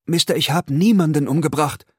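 A man voicing a frightened young worker pleading his innocence, in a high, cracking, hoarse voice. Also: fairly quick, no room sound, studio quality. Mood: pleading, panicked. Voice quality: hoarse, urgent.

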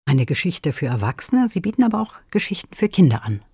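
A male radio host who thanks his guest and announces where listeners can find the podcasts, friendly and clear. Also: on the high side, sing-song, brisk, dark tone, dry recording, studio quality. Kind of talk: radio interview.

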